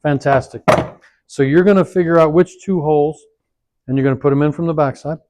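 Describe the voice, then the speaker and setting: An equipment trainer gives a hands-on workshop demonstration, rambling and thinking aloud as he works, his voice drifting away from the mic. It sits a little high with a darkish tone, and he talks a little fast.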